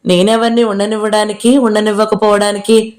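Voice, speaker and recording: A woman's voice: medium pitch, level tone, normal speed, darkish tone, close to an everyday voice. A woman reading aloud speaks the lines of a curt, stern young man, the elder brother in an audio novel.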